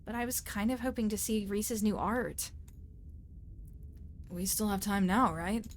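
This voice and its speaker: A woman's voice: medium pitch, steady tone, a little slow, slight background noise, natural voice. A woman reading the lines of a cheerful, sociable young woman in a story game. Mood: eager.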